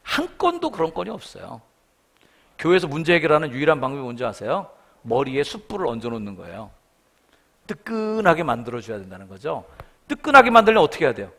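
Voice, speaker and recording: A middle-aged man preaching a sermon in a church, his pitch leaping up and down as he tells stories. His voice sits a little high for a man, and he slips into the voices of the people he quotes. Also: fast talker, creaky. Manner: animated storytelling, acting out quoted voices. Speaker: guest revival preacher. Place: church sanctuary.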